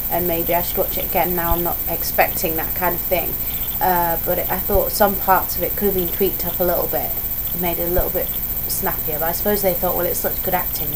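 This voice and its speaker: A young woman who is ill, with her voice starting to go, chatting in a casual, rambling vlog way and often wandering off on tangents. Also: on the low side. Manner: digressive, chatty, self-interrupting. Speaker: vlogger. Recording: noisy home vlog recording.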